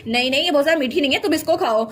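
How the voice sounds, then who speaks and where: An earnest, wary young princess, voiced by a woman narrator. The voice sits high and light, spoken in a plain everyday tone. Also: very fast, slight background noise, lightly acted.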